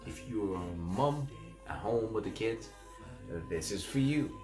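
A Zambian man in his thirties, with a Zambian accent, hosts a home cooking demonstration from a small kitchen over loud music. His fairly low voice is animated and unhurried, chatty and encouraging, full of fillers and questioning "mm?" tags.

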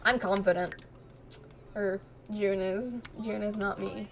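Her voice going, a young woman streams a life-sim game in a casual Let's Play, giggling and talking to the characters. She has a medium-pitched, creaky voice, a steady tone, and takes things slowly, and the recording is rough.

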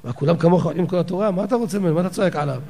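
Scolding rabbi's wife, protective, higher voice, older man putting it on in a lesson. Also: dark tone.

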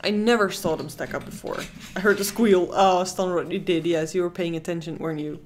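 Soft music plays in the background as this young Dutch co-host of a live casino stream talks a little fast in a lowish, steady voice. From the Netherlands and with a Dutch accent, she chats with viewers, reads chat aloud, reacts to the play and squeals at each win.

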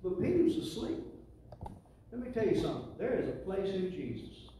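With a warm, high-pitched voice whose pitch swoops wildly, a middle-aged Southern US man preaches at normal speed in a church sanctuary. He's folksy and emphatic, repeating lines and prompting the congregation to call back. The recording, made from the pews, carries his handheld mic through an echoey, distant PA with faint noise.

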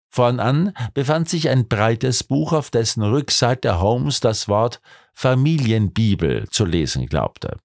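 Expressive male audiobook narrator. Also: mid-range voice, no echo, clean studio sound. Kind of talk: scripted narration.

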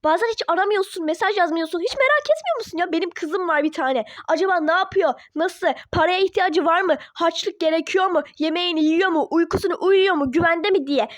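A woman's voice: very high-pitched, a little fast, hardly any pauses, dry recording, studio quality. A woman voicing a defiant teenage girl who argues with her parents in a toy-app role-play drama. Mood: pleading. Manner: indignant, argumentative.

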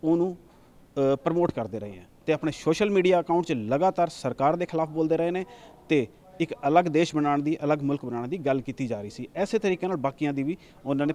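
Guy reporting news real quick, kinda higher voice, little ums and restarts. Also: warm tone. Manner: rapid, fluent reporting with brief fillers and restarts.

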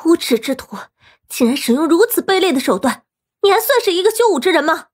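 A woman voicing a proud, ruthless young woman cultivator, with a shrill, scornful outburst. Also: big pitch swings, fast talker. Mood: furious.

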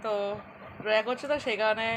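A woman's voice: fairly high pitch, level tone, fast talker, background noise. A woman with a Bengali accent chatting to viewers in a home vlog, recorded on a phone at home. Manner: chatty, addresses viewers directly. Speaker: vlogger. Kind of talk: casual home vlog chat.

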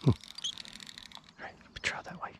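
A man's voice: a little fast, heavy background noise. A man chatting casually on a riverbank as he fishes, explaining what he does as he goes, picked up on a camera mic. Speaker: fishing vlogger. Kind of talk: casual narration while fishing. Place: outdoors on a riverbank at dawn. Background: faint birds and outdoor ambience.

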